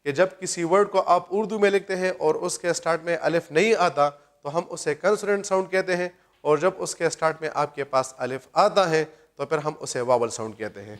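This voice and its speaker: High-voiced man teaching grammar. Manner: explains step by step, asking and answering his own questions; slows down to read example sentences aloud. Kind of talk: grammar lecture.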